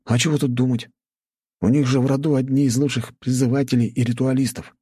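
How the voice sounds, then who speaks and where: A man's voice: mid-range voice, flat delivery, fairly quick, mellow, breathy edge, dry recording, clean studio sound, voice pushed up, natural voice. A man reading a cheerful, teasing teenage boy prince, a schoolmate, for an audiobook.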